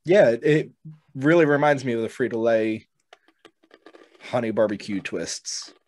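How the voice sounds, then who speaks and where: Man, casual co-host with mid-pitched voice. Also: unhurried, darkish tone. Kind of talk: casual banter, short reactions. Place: home room, on a video call. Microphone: headset.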